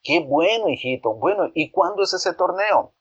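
A man voicing a gentle, hesitant mother who reproves her son softly in a slightly raised storybook voice. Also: sits high, animated, moderate pace, slightly rough, voice pushed up. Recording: dull lo-fi recording.

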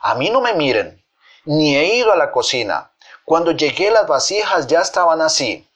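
A man's voice: on the high side, sing-song, moderate pace, fairly bright tone, voice pushed up. A man voicing a lazy, lying young male bee who whines and groans to fake illness. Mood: defensive.

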